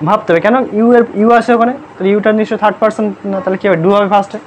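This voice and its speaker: Speaking in a flat, mid-range voice at a rapid-fire clip, this grammar teacher leads a live lesson, quizzing the class constantly and making sure they follow. Words get spelled out one letter at a time, and noisy pupils receive a stern telling-off.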